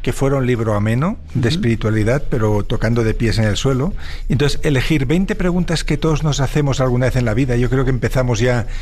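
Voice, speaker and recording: A man's voice: medium pitch, fast, darkish tone. A man from Barcelona with a Spain Spanish accent, a book author being interviewed, who explains ideas in a reflective way and often adds tag questions. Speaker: author guest. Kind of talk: relaxed explanatory interview talk.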